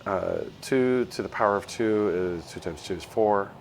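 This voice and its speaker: Streaming a visual novel, this man reads the on-screen text aloud and chats with self-deprecating humor as he thinks things through. He speaks in a lowish voice at a moderate pace with some vocal fry, over slight background noise.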